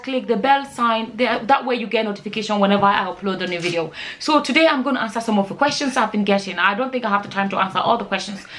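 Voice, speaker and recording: Slight hiss or hum sits under this woman's voice, which is a little high and a bit bright. She's a forty-year-old Nigerian vlogger and channel host chatting informally as she answers viewer questions, repeating words and phrases for emphasis.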